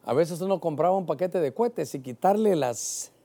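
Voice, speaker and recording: A man's voice: fairly high pitch, lively intonation, normal speed, mellow. A man in his sixties, a pastor preaching a sermon with passion who keeps calling his listeners brother.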